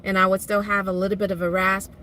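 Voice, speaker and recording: A woman's voice: mid-range voice, little pitch movement, fast, sharp tone, slight background noise. A woman hosting a casual live stream, chatting with viewers and reading their comments aloud as she talks. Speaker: vlog host doing a live stream. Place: inside a car.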